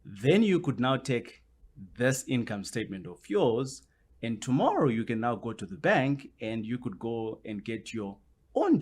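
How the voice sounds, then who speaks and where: A man's voice: mid-range voice, darkish tone. A man, a guest on a podcast interview, explaining his points at length and often circling back with "which basically means".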